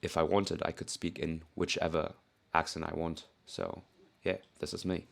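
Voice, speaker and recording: A young native Korean speaker from South Korea narrates his powerlifting vlog in an affected, British-leaning English accent, candidly mocking himself and swearing casually. His voice is low, gravelly and fairly bright, delivered flatly at an ordinary pace.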